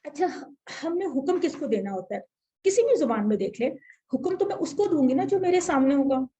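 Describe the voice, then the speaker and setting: Woman, Pakistani Urdu accent, patient teacher explaining Arabic grammar in a high, mellow voice and quizzing her class. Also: lively intonation, fairly quick. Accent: Urdu-speaking, Pakistani. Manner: explanatory, asks the class questions.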